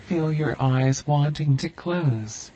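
Slow soothing male hypnotist voice. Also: a little high, dark tone, a little hiss or hum, poor audio. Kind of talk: guided hypnosis induction.

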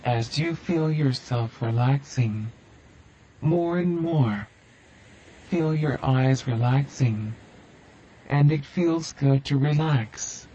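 A man guiding a listener through a hypnosis induction with slow, soothing, repetitive suggestions. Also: mid-range voice, warm tone, highs cut off, a little hiss or hum.

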